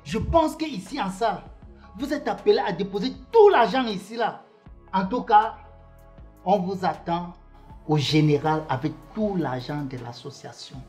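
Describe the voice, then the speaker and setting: A woman's voice: medium pitch, expressive, measured pace, darkish tone, roomy sound, soft background music, lightly acted. A woman in a comedy sketch, talking in a heated, accusing, commanding way.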